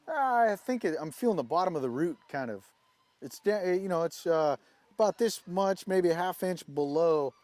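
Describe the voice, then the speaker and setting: A man's voice: on the high side, darkish tone, dry recording. A man giving a casual, folksy hands-on lesson as a goose calling instructor.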